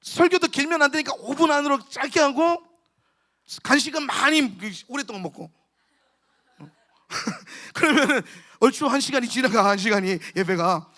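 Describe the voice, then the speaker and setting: A male pastor, preaching a lively storytelling sermon to a youth camp and acting out the people he quotes. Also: very high-pitched, normal speed. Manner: storytelling, acts out quotes with shouts and laughs. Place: church hall at a camp.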